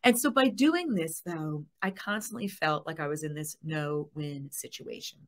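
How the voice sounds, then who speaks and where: A middle-aged woman giving a lively webinar presentation, reading out chat comments. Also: low voice, normal speed. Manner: lively, reads chat comments aloud with laughs.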